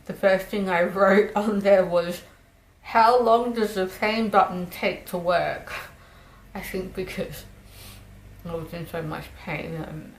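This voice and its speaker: A woman's voice: on the low side, creaky. A woman vlogger telling a personal story in a casual, conversational way. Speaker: vlogger recovering from jaw surgery. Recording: roomy echo, faint background noise.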